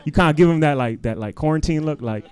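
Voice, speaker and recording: A man's voice: on the high side, quick pace, darkish tone, smooth, no room sound. A man hosting a live comedy show, joking loosely with the crowd and laughing often between lines. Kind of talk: stand-up emcee banter. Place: live comedy stream venue.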